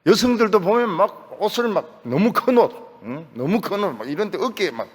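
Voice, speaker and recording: Here an older man with a Gyeongsang accent gives a sermon as a pastor, repeating key phrases in a folksy, joking manner. His high, husky voice is expressive and moves at normal speed. It was recorded in a church sanctuary, with the hall's reverb audible.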